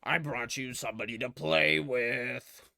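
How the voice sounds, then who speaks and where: A menacing killer in a rabbit suit drawls his threats at a slow, deliberate crawl, as a man puts him on. The voice is smooth and clear, and it sits close and dry with no room around it. He taunts like a movie villain. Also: mid-range voice, bright, forceful tone, dry recording, heavily acted.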